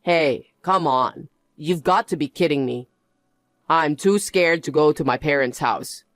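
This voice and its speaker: A man's voice: a little high, measured pace, fairly bright tone, no echo. A man playing a cowardly cheating husband in a story drama, whiny and pleading. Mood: begging.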